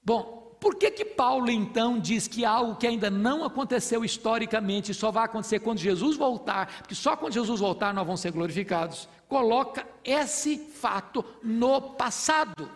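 A man's voice: very high-pitched, lively intonation, moderate pace. A man preaching an expository sermon, teaching with rhetorical questions and building to fervent proclamation.

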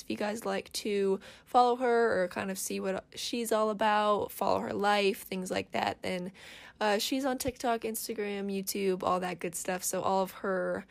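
A woman's voice: medium pitch, vocal fry. A young woman hosting a podcast in casual chat, giggly and chatty, saying "like" often. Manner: giggly, chatty, says "like" a lot. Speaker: podcast host.

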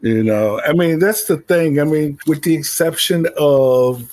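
A man's voice: on the high side, unhurried, a little mellow, no room sound. A man talking as a guest writer in a casual interview, rambling and filling his speech with "you know" and "I mean".

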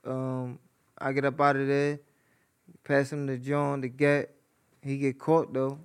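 A man's voice: mid-range voice, monotone, measured pace, clean tone. A man telling stories as an interview guest in loose, casual street slang with a conversational bro manner.

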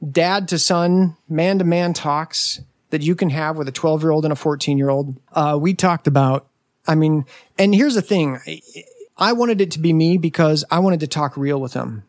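A man in his forties on a podcast, telling a family story in a casual, animated way and acting out what others said. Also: a little high, normal speed, no echo, studio quality. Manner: animated, acts out family quotes. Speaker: podcast guest.

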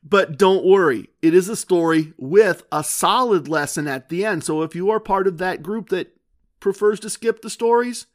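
A man's voice: high-pitched, normal speed. Give me an earnest male podcast host. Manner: earnest, conversational, given to restarts. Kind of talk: casual storytelling monologue.

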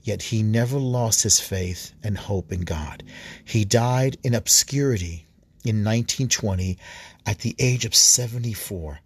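A priest and podcast host reading an article aloud with asides, often stumbling on words and correcting himself. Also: male voice, on the low side, measured pace, husky.

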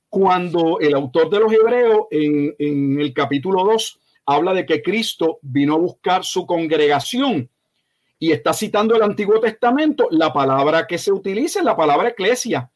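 A man, a pastor and invited expert, explaining biblical terms in an interview with emphatic, corrective and deliberate delivery. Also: high-pitched. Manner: slow, deliberate delivery with frequent hesitations. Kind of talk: teaching interview answer.

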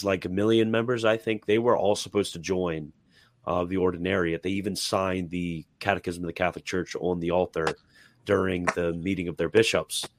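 A man with a hoarse voice, chatting casually and explaining at length in a group talk. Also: low voice, fairly bright tone, no room sound. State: hoarse, coughing.

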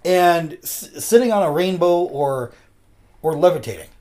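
On the high side and measured in pace, the male host's voice carries a loose, animated podcast chat full of rambling and filler words.

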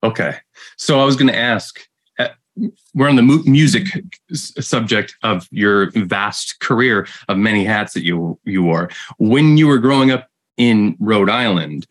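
A male podcast co-host asking questions in a halting, self-correcting way. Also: fairly low pitch. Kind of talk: casual interview questions.

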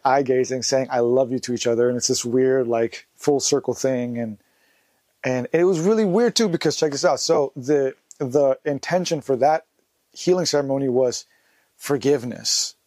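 A man's voice: mid-range voice, a little mellow, no echo. Laid-back young man rambling. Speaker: vlogger. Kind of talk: casual storytelling monologue.

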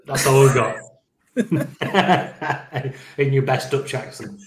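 Drawing out his words in a mid-range voice, a man co-hosting a fantasy football podcast keeps things loose and joking, cursing and laughing readily. Background noise and a roomy echo are both audible in the recording.

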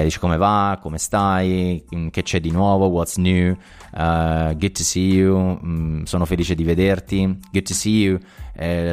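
A man in his thirties with an Italian accent, teaching English phrases in a casual lesson, explaining in a relaxed way and saying the example phrases brightly. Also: deep voice.

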